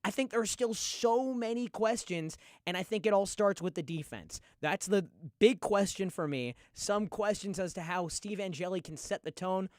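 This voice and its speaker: Fired-up, skeptical high-voiced male co-host. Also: normal speed, few pauses, dry recording, clean studio sound. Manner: skeptical, gets fired up in debate. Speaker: radio sports talk co-host. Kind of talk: casual sports radio chat. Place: radio studio. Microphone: studio microphone.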